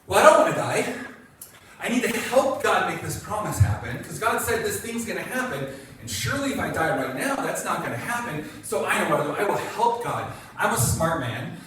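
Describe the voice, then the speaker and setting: A man's voice: high voice, very animated, brisk, a bit bright, slight background noise. A man voicing a worried ancient patriarch who talks himself into a clever plan. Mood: anxious. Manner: self-justifying, talking himself into a plan. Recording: echoey church hall from a distance.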